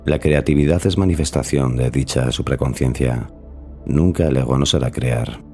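Very deep-voiced man hosting a podcast. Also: dark tone, soft background music. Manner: measured, formal. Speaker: podcast host. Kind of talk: scripted narration.

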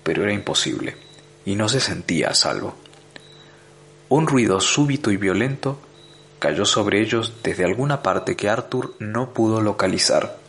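A man reading a novel aloud as narrator, measured and dry. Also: fairly low pitch, expressive, fairly bright tone. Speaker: audiobook narrator. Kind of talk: scripted narration.

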